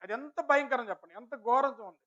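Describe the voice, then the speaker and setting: A man's voice: very high-pitched, fast talker, bright, forceful tone. A man preaching a sermon to a village church congregation, firing rhetorical questions at his listeners and addressing them politely. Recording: dull lo-fi recording.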